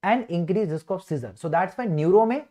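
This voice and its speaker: His voice is high, dark-toned and lively, and he talks fairly quickly. He's a medical teacher with a North Indian accent leading a revision class, chanting key words, firing questions at students, and blending Hindi into his English.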